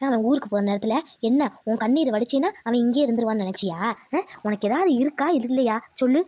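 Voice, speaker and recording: A woman's voice: a little high, fast, mellow, no room sound, lo-fi sound, close to an everyday voice. A woman playing a scolding village mother-in-law. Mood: scornful. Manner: scolding, mocking, brash.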